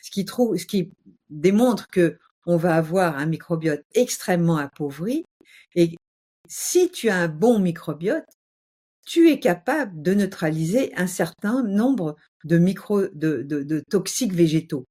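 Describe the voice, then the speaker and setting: Female guest with a low, mellow voice; passionate, emphatic and animated. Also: unhurried. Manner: animated, emphatic, uses vivid exaggeration. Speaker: guest health speaker. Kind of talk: passionate casual explanation.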